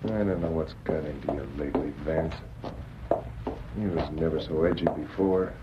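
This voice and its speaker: An actor playing a rough, uneducated henchman in an old-time radio adventure, grumbling in folksy, ungrammatical talk. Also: extremely low pitch, normal speed. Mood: doubting, grumbling. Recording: hissy, dull vintage radio recording.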